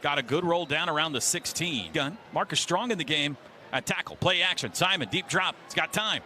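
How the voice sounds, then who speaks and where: On the high side and expressive, a man speaks a little fast with a sharp tone while calling football for radio. His accent is American and his phrases short and clipped, coming from the stadium booth. Faint noise sits under the live broadcast.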